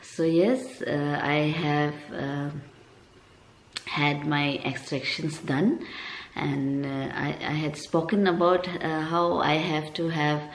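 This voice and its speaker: A woman vlogger with a lisp, talking casually to viewers in a halting, hesitant way. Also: low-pitched, fairly even intonation, slight background noise. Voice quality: lisp from a dental appliance. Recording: echoey, roomy sound.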